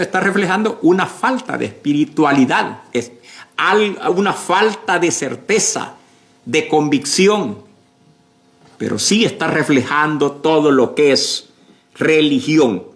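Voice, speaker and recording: A male pastor preaching a sermon slowly and emphatically, with many fillers and repeated words. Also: fairly high pitch, a bit bright.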